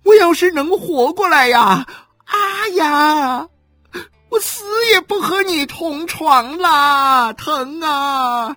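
A woman's voice: fairly high pitch, very animated, slow pace, a bit bright, slightly rough, dry recording, faint music behind, pitched above the performer's own voice, full character voice. A woman voicing a young wife in agonizing labor who sobs, wails and screams curses at her husband in an audiobook. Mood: screaming curses. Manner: wailing, sobbing, screaming curses.

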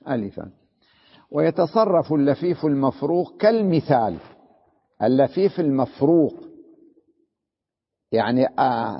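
A man's voice: on the high side, husky. A man teaching an Arabic grammar lesson, explaining step by step, repeating examples and asking the class questions. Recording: dull, echoey hall recording.

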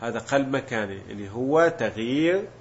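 A man's voice: mid-range voice, expressive, fairly quick, a little hiss or hum. A man teaching a grammar lesson, explaining step by step and asking questions he then answers himself. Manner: mixes colloquial Gulf Arabic with classical terms. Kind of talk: Arabic morphology lesson. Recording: dull lo-fi recording.

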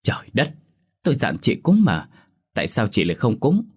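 A man's voice: low voice, fairly even intonation, moderate pace. A man voicing an outspoken, kind-hearted middle-aged village woman, scolding and exclaiming. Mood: alarmed scolding.

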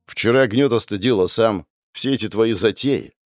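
A man voicing a gruff older youth who leads a street gang, curt and grumbling. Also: on the low side, normal speed, no room sound, studio quality, soft background music, natural voice. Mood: calm curt.

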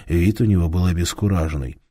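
A man narrating an audiobook with an animated, dramatic reading. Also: low voice, quick pace, husky, no room sound, studio quality.

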